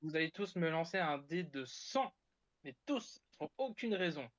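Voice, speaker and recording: A man running a tabletop role-playing game as game master, speaking haltingly and repeating words. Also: a little high, sing-song, fairly bright tone, no room sound. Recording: dull, dry lo-fi sound.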